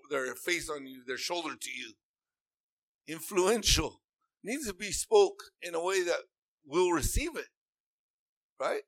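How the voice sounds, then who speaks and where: A man's voice: high-pitched, fairly bright tone, no echo. A man preaching a sermon in an earnest, repetitive way that rises into emphatic bursts.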